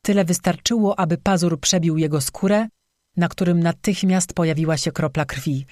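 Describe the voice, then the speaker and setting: Audiobook narrator, mid-pitched voice, dead dry close mic, calm steady reading. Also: moderate pace, no room sound. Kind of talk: scripted narration of a fantasy story.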